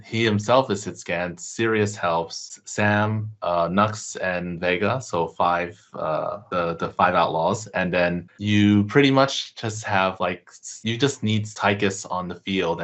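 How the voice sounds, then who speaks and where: A man's voice: low-pitched, fairly bright tone. A man on a casual gaming panel, talking in a laid-back, chatty way with small stumbles. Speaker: co-op game panelist.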